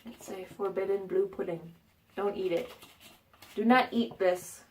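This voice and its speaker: Over a noisy background, a woman talks a little slowly in a steady, mid-range voice while making a casual how-to vlog in her home bathroom. She sounds a touch congested and rambles, filling gaps with fillers and jokes at her own expense.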